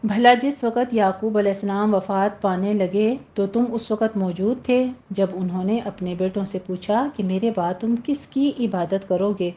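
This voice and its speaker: A woman teaching a tajweed lesson, slowly reciting verses and then explaining the pronunciation rules in a plain instructive voice. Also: mid-range voice, mellow, lo-fi sound. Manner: slow, deliberate, drawn-out recitation between plain instructions.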